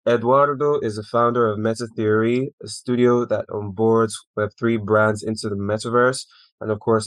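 A man hosting an interview podcast with a low, flat voice that stays in a narrow band. The sound is dry and close, with no room around it. He moves from a scripted intro into looser talk. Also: dry recording. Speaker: podcast host.

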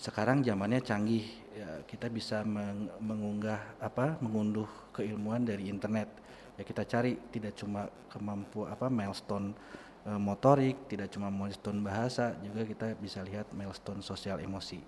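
A man's voice: on the low side, fairly even intonation, normal speed, a little mellow. A man doctor explaining child development, with hesitant fillers. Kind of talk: advice talk. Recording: long reverb with faint noise.

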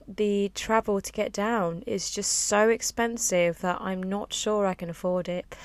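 A young woman hosts a casual solo podcast from a small space on a boat, drifting between thoughts with sighs, chatter and frequent ums. Her normally middle-pitched voice sounds low and a little husky after a late night. The recording is close and dry, with no room sound.

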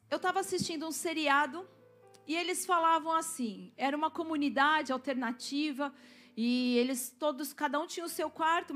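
A woman pastor preaches to her congregation, weaving a personal testimony into the sermon. Her voice sits high, and faint music plays under her words. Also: fairly bright tone. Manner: storytelling, asks the congregation to respond.

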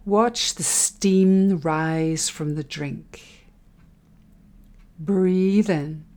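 Female meditation guide, soft and soothing, deep-toned and very slow, for a relaxation breathing exercise. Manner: soft, soothing, unhurried delivery with breathy phrase endings.

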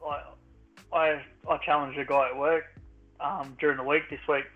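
Casting: Australian male, blokey tradie manner, higher-set voice, casual chat over muffled narrow-band audio. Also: level tone, moderate pace, soft background music.

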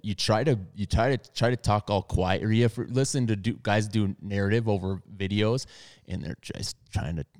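Host, male, 30s, very deep voice, relaxed rambling chat. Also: normal speed. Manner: laid-back, rambling, self-mocking. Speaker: podcast host. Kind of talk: casual chat.

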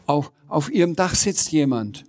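A man voicing an excited delivery man who talks in a hurried, flustered way in a storybook reading. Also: medium pitch, lightly acted.

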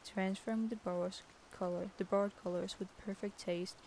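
A woman reads a fairy tale aloud in an easygoing, unpolished way, now and then tripping over a phrase. Her voice is gravelly and stays level, with little rise or fall. A faint hiss sits under the recording. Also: mid-range voice, fairly even intonation, darkish tone, rough recording. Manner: reads slowly, stumbling over words, laughing at the text. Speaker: storybook reader.

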